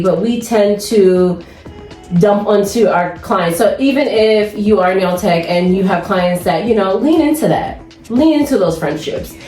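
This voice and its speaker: A woman's voice: medium pitch, a little mellow, reverberant. A woman, a nail tech and podcast host, talking casually and animatedly, laughing often as she tells stories. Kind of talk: casual chat.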